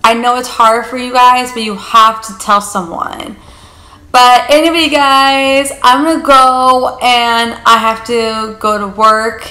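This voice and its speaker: Young woman, casual vlog, chatty and rambling, bright voice, echoey living room. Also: on the high side, steady tone, slow pace. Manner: chatty, rambling, fillers of like and you guys. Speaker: vlogger. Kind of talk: casual vlog chat to camera. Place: living room on a leather couch.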